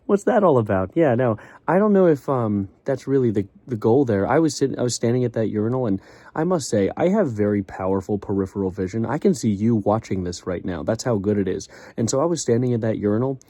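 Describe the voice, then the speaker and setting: A man's voice: medium pitch, lively intonation, quick pace, dark tone, no echo. Dry-voiced young man ranting sarcastically. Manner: rambling, sarcastic, jumps between topics. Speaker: vlogger. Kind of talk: casual comedic monologue. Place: small bedroom with acoustic foam.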